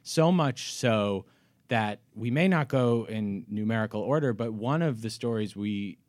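A man speaking as an editor and radio guest, discussing news conversationally in measured, slightly formal wording. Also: fairly low pitch, animated, a little mellow, no room sound.

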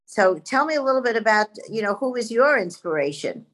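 A woman's voice: fairly high pitch, sing-song, fairly quick, fairly bright tone, low-quality recording. A woman hosting an interview podcast, introducing her guest and asking questions. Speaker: podcast host, media company president.

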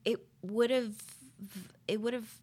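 A woman guest chatting in an interview, telling stories in an animated way, with lots of fillers and laughter. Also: a little high, drawn-out words, slight background noise. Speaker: guest, poet. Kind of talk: casual interview chat.

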